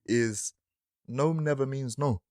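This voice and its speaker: A man answers podcast questions in a relaxed, easy-going way and often repeats a phrase for effect. His voice sits at a middle pitch. The recording is close and dry. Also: takes it slowly, no room sound. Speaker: podcast guest, entrepreneur. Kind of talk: interview answer.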